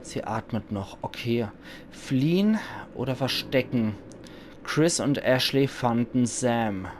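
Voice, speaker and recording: A man's voice: medium pitch, expressive, slow. A man hosting a let's play in a mid-range voice. He comments casually and bluntly, reacting aloud, with faint noise behind him.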